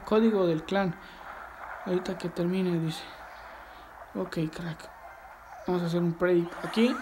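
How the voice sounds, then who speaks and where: A man hosting a live gameplay stream, chatting excitedly and reading viewer messages aloud. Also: high voice, background noise. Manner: excitable, reads viewer chat aloud, shouts at the game. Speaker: livestreaming gamer host. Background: game music.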